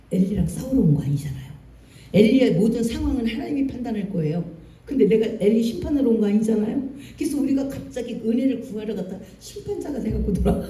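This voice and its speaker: A pastor preaching a Sunday sermon, lively and colloquial, acting out scenes with jokes and emphasis. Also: mid-range voice. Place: church sanctuary. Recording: distant echoey church hall.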